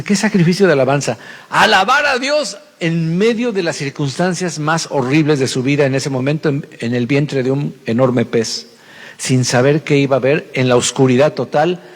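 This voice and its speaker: A male pastor, preaching a sermon and telling the story with acted-out voices. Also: mid-range voice. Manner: lively storytelling, acting out dialogue. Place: church. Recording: long hall reverb.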